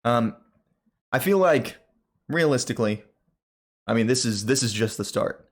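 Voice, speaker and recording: A young man co-hosting a gaming podcast, talking news in a relaxed, rambling way with lots of fillers. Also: mid-range voice, normal speed. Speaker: podcast co-host. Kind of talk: casual gaming news chat.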